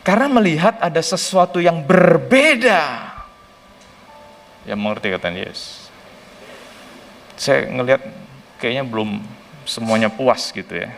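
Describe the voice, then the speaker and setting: A male pastor preaching a sermon in a casual, colloquial way. He tells stories animatedly and acts out dialogue with sudden jumps in pitch. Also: expressive, unhurried, pauses often, a bit bright, a little hiss or hum. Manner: casual colloquial Jakarta-style speech.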